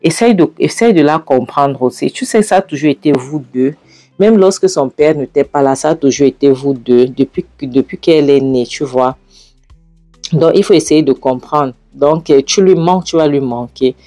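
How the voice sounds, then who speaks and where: Woman playing a coaxing, smooth-talking boyfriend. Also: deep voice, moderate pace, warm tone, no echo, faint music behind, lightly acted. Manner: soothing, coaxing, repetitive "d'accord?".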